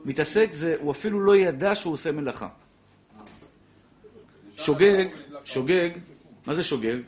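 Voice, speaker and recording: A man teaching a lively religious law lesson to a class, repeating his points and acting out little scenes. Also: on the high side. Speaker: Torah teacher.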